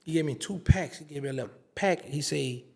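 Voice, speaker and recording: Guy with a gravelly voice, spinning a story, acts out everybody's lines. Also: fairly high pitch, fairly quick. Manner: animated storyteller, acts out quoted dialogue. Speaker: interview guest. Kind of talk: casual storytelling.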